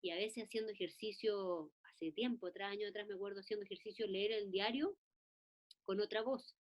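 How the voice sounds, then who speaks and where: A woman puppeteer and actress talking about voice work, lively and given to demonstrating voices as she goes. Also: mid-range voice, brisk. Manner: animated, demonstrates voices mid-talk. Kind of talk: talk on voice acting.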